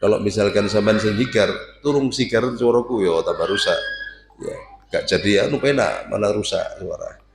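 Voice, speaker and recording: Low-voiced religious teacher. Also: male voice, normal speed, gravelly, roomy sound, noisy background. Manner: lively, jokey, demonstrates recitation aloud. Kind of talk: casual Quran class teaching. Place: prayer room with students.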